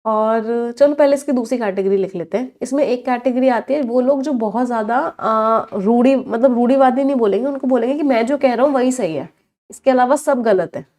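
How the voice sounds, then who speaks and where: A woman with an Indian accent runs a live online exam-prep class. Her voice sits on the higher side. She quizzes the class and spells out each English word slowly and clearly. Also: dark tone. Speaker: English vocabulary teacher.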